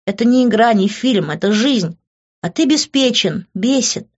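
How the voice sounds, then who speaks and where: Чтица в роли горячей, страстной молодой женщины. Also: female voice, fairly high pitch, expressive, normal speed, dull audio, pitched above the performer's own voice. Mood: heated. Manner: raised, emotional, insistent. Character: heated, passionate young woman in love.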